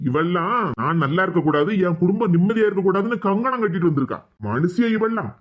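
A performer voicing a gruff, hot-tempered father-in-law in a cartoon, scolding in a Tirunelveli Tamil accent. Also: mid-range voice, expressive, quick pace, close to an everyday voice. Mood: angry. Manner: scolding, shouting orders. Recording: dull lo-fi sound.

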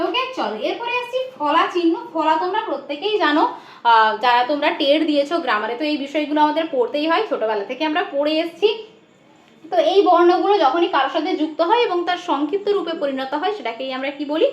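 Woman teacher, Bengali accent, very high lively voice, asks and answers her own questions. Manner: chants children's rhymes slowly. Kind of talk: exam-prep lesson. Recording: dull lo-fi audio in an echoey room.

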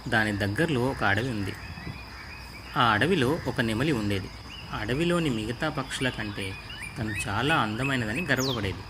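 A man narrating a children's story in a clear, measured storytelling manner. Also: mid-range voice, expressive. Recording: noisy with insect and bird ambience.

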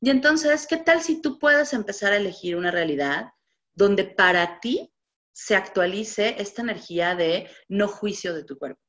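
A young adult woman coach giving a motivational live talk to an audience, asking a stream of questions and chanting repeated clearing phrases. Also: medium pitch, lively intonation, moderate pace, a bit bright. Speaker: body-positivity coach. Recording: muffled lo-fi recording.

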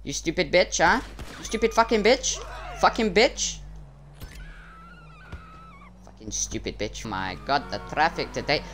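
Man putting on a hot-tempered Arabic-accented driver, swooping pitch. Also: sing-song, measured pace, long pauses, a bit bright, soft background music. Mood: irritated. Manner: foul-mouthed, confrontational. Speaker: gamer. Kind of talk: improvised online game role-play. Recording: noisy game audio with vehicle sounds.

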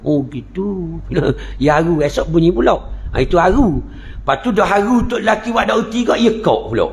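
A man with a Terengganu Malay accent, a religious teacher giving a humorous lecture, joking and telling stories in dialect between points of teaching. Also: fairly high pitch. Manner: joking, storytelling, playful dialect asides.

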